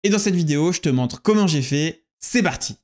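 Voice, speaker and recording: A man's voice: on the high side, expressive, fairly quick, a little mellow. Man explaining a tutorial step by step. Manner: explains step by step, addresses the viewer directly. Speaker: data consultant presenting a tutorial.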